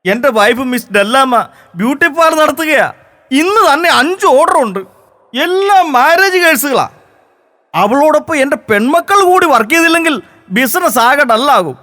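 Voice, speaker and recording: A man's voice: very high voice, lively intonation, moderate pace, bright, forceful tone, full character voice. A young man on stage playing a hypocritical son who makes fawning excuses with feigned grief. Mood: excusing. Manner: fawning, self-justifying. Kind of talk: stage comedy drama.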